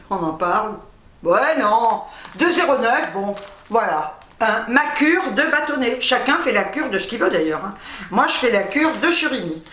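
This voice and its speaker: Brief: middle-aged woman vlogger, fairly high voice, quick, self-mocking chatter that stumbles over itself; roomy home recording. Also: expressive, sharp tone, slight background noise. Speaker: vlogger showing a grocery haul. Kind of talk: casual chat to camera. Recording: echoey room.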